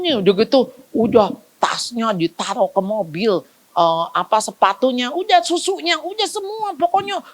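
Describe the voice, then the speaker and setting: A woman giving a lively parenting seminar as a family counselor, acting out dialogue with playful voices. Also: a little high, no echo. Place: school seminar hall.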